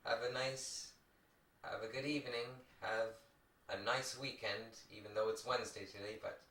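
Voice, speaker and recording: A young man giving a halting, rambling, casual opinion in a vlog, recorded on old VHS tape. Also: on the low side, steady tone, sharp tone. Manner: halting, rambling delivery with repeated phrases. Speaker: video host. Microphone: distant microphone, recorded onto a VCR. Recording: echoey, distant, home VHS tape recording.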